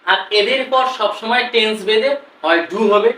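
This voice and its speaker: High, bright-voiced male teacher drilling a class. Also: moderate pace. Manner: coaxing, repeats phrases for the class to echo. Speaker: English teacher. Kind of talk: classroom call-and-response drilling. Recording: roomy echo from far off, light hiss.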